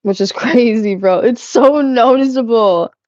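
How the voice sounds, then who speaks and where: While cleaning live on stream, a young woman chats loosely with her viewers and frequently giggles and swears. She talks a little slowly, in a slightly high, somewhat mellow voice. The sound is dry and a bit muffled, with no echo.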